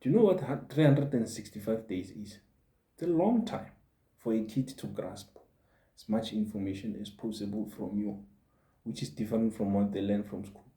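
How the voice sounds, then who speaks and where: A man's voice: on the low side, moderate pace, dark tone. A man in his forties gives a motivational monologue as a podcast host, earnest and repeating his points for emphasis. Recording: roomy echo.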